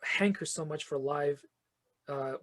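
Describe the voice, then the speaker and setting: A fantasy author and choir conductor speaks as a podcast guest in a fairly high, slightly bright voice, going a little slowly. His reflective answers are long and earnest, assembled through restarts along the way.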